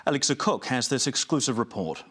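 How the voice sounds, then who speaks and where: A man's voice: mid-range voice, animated, fairly quick, fairly bright tone. A man with a New Zealand accent reading a scripted news introduction as presenter.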